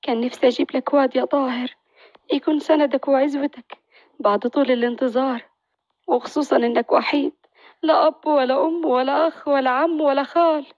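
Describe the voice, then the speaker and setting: A woman's voice: high voice, fairly even intonation, brisk, no room sound, lo-fi sound, natural voice. A woman voicing a sorrowful, tearful young mother, speaking plaintively.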